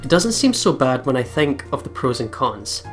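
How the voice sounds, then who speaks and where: Over game background music, a man in a let's play reads visual novel passages aloud, then drops into giggly, chatty asides. He speaks in a mid-range voice with big pitch swings at a moderate pace.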